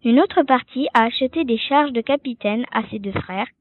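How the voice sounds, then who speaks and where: A woman reading a classic fairy tale aloud in a steady, measured way. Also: a little high, no echo. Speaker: storyteller. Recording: dry, tinny phone-like recording.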